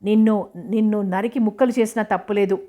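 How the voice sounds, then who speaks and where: A woman reading the lines of an angry young woman teacher, delivering sharp scolding retorts. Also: mid-range voice, fairly even intonation, fairly quick, lightly acted. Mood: furious.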